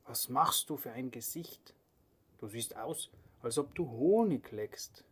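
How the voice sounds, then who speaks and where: A man voicing a vain, fussy younger male bear in a storybook reading, speaking slowly and softly. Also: medium pitch, expressive, breathy edge.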